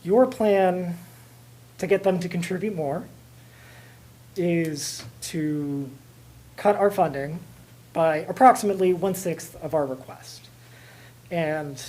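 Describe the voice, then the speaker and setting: An American woman, a board trustee, formally putting questions at a public meeting in a measured, deliberate way with pauses. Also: deep voice, dark tone, poor audio.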